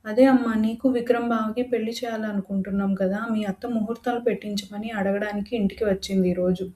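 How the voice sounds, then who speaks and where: Woman reading as a caring middle-aged dad on a phone call in an audio love story, kindly and calm, with a mellow tone. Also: medium pitch, fairly quick, roomy sound, natural voice.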